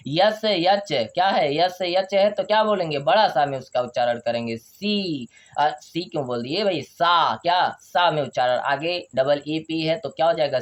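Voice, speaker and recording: Man quizzing and answering himself. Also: on the high side. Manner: drills by asking questions and answering them himself; spells out letters slowly, then says the word. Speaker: English teacher. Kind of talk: video lesson on English pronunciation.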